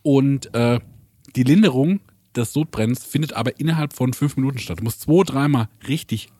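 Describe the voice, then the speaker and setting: A man chatting casually on a podcast, explaining at length and tagging his sentences with a quick question. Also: mid-range voice, dark tone, no room sound, clean studio sound. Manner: rambling, chatty explainer with filler "ne?". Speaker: podcast host. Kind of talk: casual chat.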